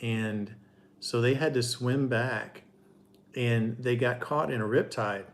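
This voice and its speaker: A man's voice: medium pitch, slow pace, slight background noise. Middle aged guy telling a story on a livestream, casual, stops and starts a lot. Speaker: livestream co-host.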